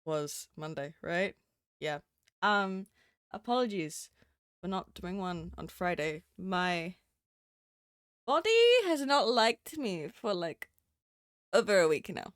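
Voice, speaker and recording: On a live stream, a woman from the Southern Hemisphere chats casually into a desk microphone, full of fillers and giggles and a little sniffly from a cold. Her fairly low voice is expressive and slow with long pauses, recorded in clean studio sound with no room sound.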